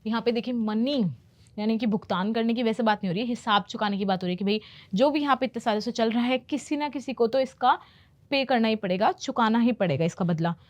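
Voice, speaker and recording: A woman teaching English, patiently explaining movie phrases and repeating them slowly. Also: a little high. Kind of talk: explaining movie lines in a lesson.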